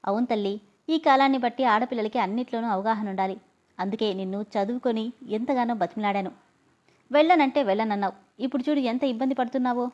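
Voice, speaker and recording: A woman voicing a gentle, fond older uncle who advises his niece in a soothing, fatherly way. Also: extremely high pitch, fast talker. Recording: dull lo-fi audio.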